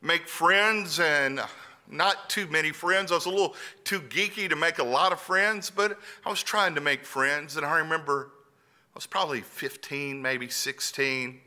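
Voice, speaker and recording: A man's voice: a little high, normal speed, bright, forceful tone. A middle-aged man from Louisiana, preaching an earnest sermon that moves from personal storytelling to emphatic appeals.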